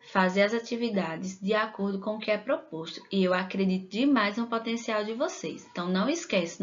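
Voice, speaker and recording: A woman teacher from Brazil giving a video lesson to young children. Her voice sits at an ordinary middle pitch. She talks in a warm, slow, encouraging way, and the recording sounds a little dull. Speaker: primary school teacher.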